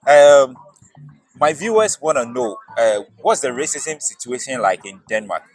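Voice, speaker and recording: Casual male street interviewer, mid-pitched. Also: very animated, measured pace, no room sound. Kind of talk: casual vox pop interviewing.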